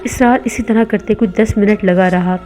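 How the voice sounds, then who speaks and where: A woman reading a horror novel aloud as a storyteller, in a steady, measured way. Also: medium pitch. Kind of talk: scripted horror narration.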